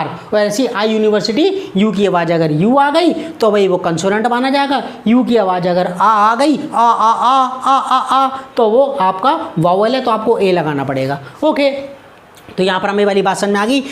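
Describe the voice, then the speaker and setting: A woman teaching English grammar in a lively classroom style. She drills words by repeating them and asks and answers her own questions. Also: medium pitch.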